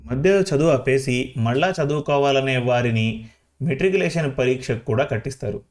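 A man's voice: mid-range voice, moderate pace, darkish tone, lightly acted. A man voicing a folksy villager who chats directly to the listener. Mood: chatty. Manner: folksy, chatty, talks straight to the listener. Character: chatty rustic villager addressing the listener.

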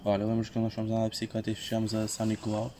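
A young man with a European Portuguese accent rattles along quickly in an offhand, slangy way. It is casual podcast chat recorded outdoors, with clear noise behind the voice. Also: lowish voice, monotone, mellow. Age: young adult. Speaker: podcast co-host. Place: outdoors, walking along streets.

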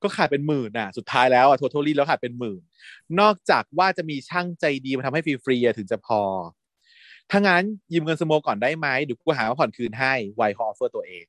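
A man's voice: mid-range voice, expressive, brisk, fairly bright tone, dry recording, studio quality. A man co-hosting a podcast, casually and animatedly retelling a series and acting out the characters' lines. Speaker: podcast co-host recapping a series. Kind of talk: casual chat.

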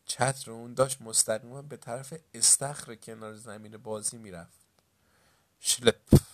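A male narrator reading a children's storybook with an animated delivery. His voice sits fairly low, and it gets louder for the story's shouts and surprises. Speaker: audiobook narrator.

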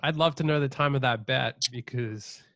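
A man's voice: mid-range voice, normal speed, a bit bright, no echo, studio quality. A man hosting a podcast in casual sports betting banter, teasing and swearing freely. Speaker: podcast host.

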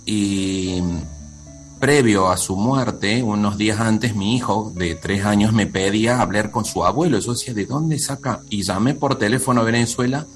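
Man, low voice, host, earnest personal storytelling, video call. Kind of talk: casual chat.

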